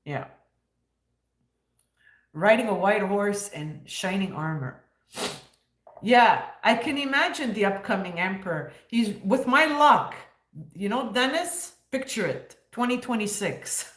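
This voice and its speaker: A woman's voice: medium pitch, animated, slow, pauses often, fairly bright tone, echoey room. A woman in her fifties hosting a casual livestream, joking and sarcastic, laughing often. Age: 50s. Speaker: livestream host.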